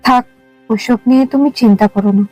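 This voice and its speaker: A woman's voice: on the high side, brisk, a little mellow, no echo, soft background music, lightly acted. A woman voicing a fretful poor village wife and mother in a cartoon, asking anxious questions.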